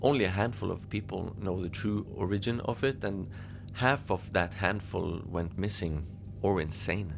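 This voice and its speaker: A deep-voiced actor with gravelly fry voices an unbothered, whimsical keeper alone at an Antarctic station, in a rambling first-person radio log for a fiction podcast. He talks at normal speed with few pauses over a noisy background. His musings are conversational and confiding, delivered deadpan even when things get absurd.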